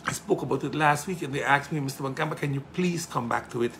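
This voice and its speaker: A middle-aged man gives impassioned political commentary, emphatic, with rhetorical questions that build to loud indignation. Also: mid-range voice, fast, slight background noise. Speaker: political commentator hosting a show.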